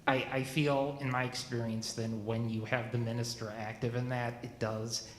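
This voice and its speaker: A man's voice: mid-range voice, level tone. Brief: man in his forties, community questioner, stumbling, self-correcting delivery, roomy hall echo, faint hiss. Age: 40s. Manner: halting, stumbles and restarts often. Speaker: church member asking questions. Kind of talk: question at a church meeting. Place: church meeting room.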